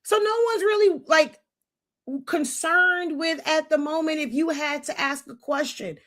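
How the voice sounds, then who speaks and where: Her voice high-pitched and fairly bright at a measured pace, a business mentor delivers an unscripted teaching monologue on a livestream. She's blunt and lecturing, frequently stopping to search for the right word.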